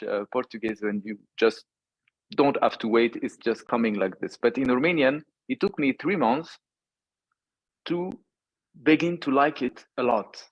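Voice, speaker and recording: This is a man whose first language is French, speaking as a guest on a panel. His pitch sits mid-range. He talks thoughtfully and pauses to find words, and the recording sounds dull and lo-fi. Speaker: diplomat, cultural director.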